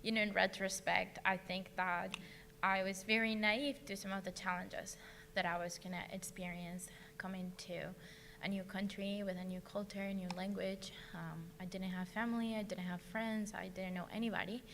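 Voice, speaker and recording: A woman tells her story on a panel, soft and reflective, pausing now and then. Her voice carries a long reverb from the hall, with a faint hum underneath. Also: medium pitch, level tone, creaky. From Venezuela. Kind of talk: personal testimony on a panel.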